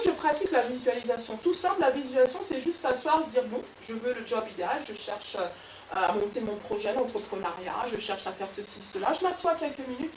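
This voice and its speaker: A woman coach giving a lively motivational workshop talk to an audience, with frequent restarts. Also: on the high side, slight background noise. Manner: lively, animated, with many restarts. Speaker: personal development coach. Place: event room with an audience. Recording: echoey room, far from mic.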